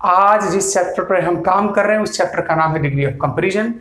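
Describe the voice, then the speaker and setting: A man's voice: high voice, normal speed, a bit bright. A male English grammar teacher giving a classroom lecture, explaining step by step, repeating points and answering his own questions. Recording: echoey room.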